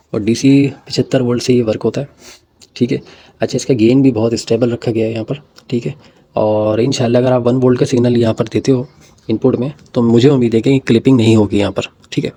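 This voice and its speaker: Mellow-voiced man explaining a circuit. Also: medium pitch. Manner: repeats "ٹھیک ہے" as a check-in, with drawn-out "آ" pauses. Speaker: electronics tutorial host. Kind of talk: casual walkthrough of a circuit diagram.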